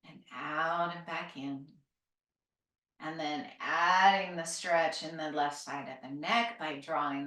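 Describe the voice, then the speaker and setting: A woman yoga instructor leading a calm grounding exercise, giving gentle, unhurried, encouraging cues for stretching and breathing, with phrases that end softly. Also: fairly low pitch. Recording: roomy, echoing, distant microphone.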